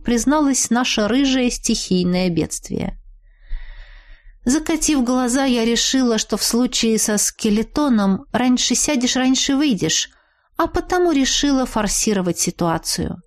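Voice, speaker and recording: Expressive woman reading an audiobook. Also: a little high. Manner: expressive reading with drawn-out dramatic pauses. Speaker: audiobook narrator. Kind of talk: scripted first-person narration.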